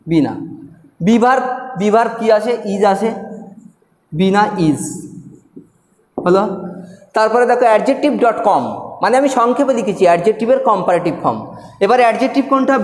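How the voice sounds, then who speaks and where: Man, Bengali accent, grammar teacher, high voice, step-by-step explaining, long reverb, echoey classroom. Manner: explains step by step, repeats key words, checks understanding. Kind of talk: classroom lesson.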